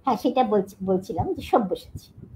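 A woman's voice: medium pitch, expressive, moderate pace, dark tone, slight background noise, low-quality recording. A middle-aged woman professor giving a lecture, explaining animatedly with frequent fillers and restarts.

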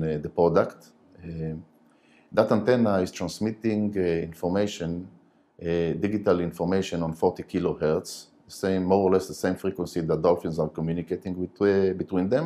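A man in his forties, not a native English speaker, explaining technical matters haltingly in a studio interview on a lapel mic. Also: low-pitched, warm tone. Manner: halting, hesitant phrasing. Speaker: interview guest, company director.

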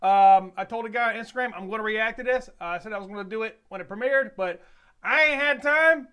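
A man's voice: high voice, a little fast, sharp tone, clean tone. A man hosting a music reaction video, talking in a folksy, rambling, easygoing way. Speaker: music reaction channel host. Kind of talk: casual reaction commentary.

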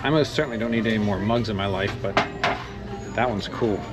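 A man's voice: lowish voice, brisk. A man casually narrating a walk through an outlet store, chatting and reading out prices as he browses. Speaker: podcast host walking through an outlet store. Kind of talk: casual walkthrough commentary. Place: indoor retail outlet store. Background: loud store music.

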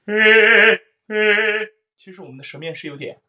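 A male voice teacher gives a singing lesson with a bright, forceful tone. He explains how resonance works and keeps singing loud vowel sounds to show it. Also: fairly high pitch, racing. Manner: explains then sings vowels, loud sung demonstrations.

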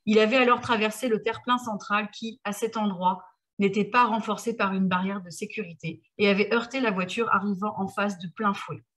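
A woman reading a passage from her own novel aloud in a steady, measured way. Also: medium pitch.

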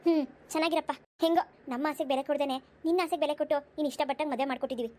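A woman voicing a haughty middle-aged mother-in-law in a cartoon, sharp and lecturing. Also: high voice, steady tone, very fast, natural voice. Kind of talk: cartoon voice acting.

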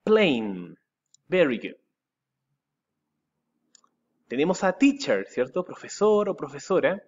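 Chilean man as a school English teacher, unhurried and animated delivery, muffled lo-fi sound. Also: a little high. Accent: Chilean Spanish. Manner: spells words letter by letter, repeats them slowly with rising stress. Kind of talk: recorded vocabulary lesson for pupils.

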